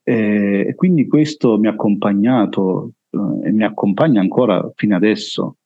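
A man with a Neapolitan accent and a heavy, full voice gives a halting personal testimony as an interview guest. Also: on the low side, husky, no echo, phone-quality sound.

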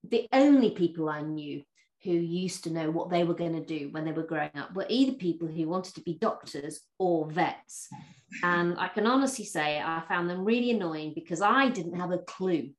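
A woman hosts an interview podcast, chatty and warm, laughing often and filling her talk with fillers and restarts. Her lowish voice is expressive and moves at a moderate pace, though the audio is poor and sounds roomy.

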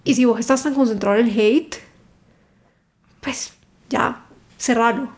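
A woman, a book content creator telling stories in a casual interview, emphatic and animated. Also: on the high side, a little slow. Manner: animated, emphatic storytelling with reported dialogue.

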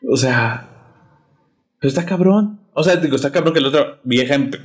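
A man's voice: medium pitch, moderate pace. A man with a Mexican Spanish accent, joking with slangy reactions in a casual chat.

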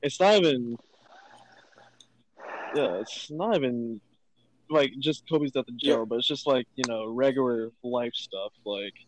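A man's voice: medium pitch, unhurried, pauses often, slight background noise, low-quality recording. A young man talking casually and a little ramblingly, with many fillers, as a podcast co-host. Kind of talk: casual chat.

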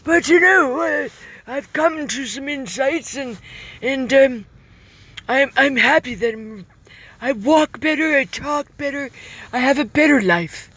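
A woman voicing a kind, wise little old man as a podcast guest, speaking haltingly and earnestly. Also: high voice, a bit bright, dry recording, voice pushed up. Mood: kindly, earnest.

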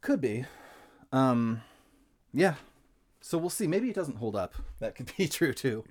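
A man's voice: medium pitch, very animated, a little slow, a little mellow. A man co-hosting a casual movie podcast, rambling with lots of ums and laughing easily. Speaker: podcast co-host presenting the movie. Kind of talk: casual chat.

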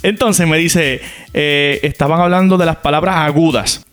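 A man with a Puerto Rican accent telling a comic story from his school days in a playful, animated way. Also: on the high side, normal speed, clear, resonant tone, soft background music. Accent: Puerto Rican Spanish. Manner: animated, playful, acts out characters.

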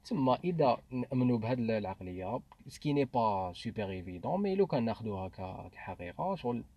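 Fast-talking Algerian man, husky and dark. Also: mid-range voice, very animated, muffled recording. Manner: mixes French into Arabic, thinks aloud with restarts. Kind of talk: casual discussion.

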